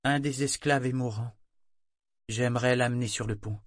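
A man reading an audiobook voices a ragged young man who speaks softly but insists. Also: medium pitch, steady tone, normal speed, no room sound, clean studio sound, natural voice. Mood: earnest. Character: gaunt ragged young man, gentle and persistent.

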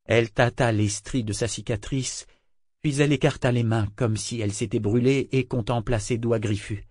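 A man narrating an audiobook in a measured, expressive reading. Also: mid-range voice, no echo, studio quality. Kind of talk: scripted narration.

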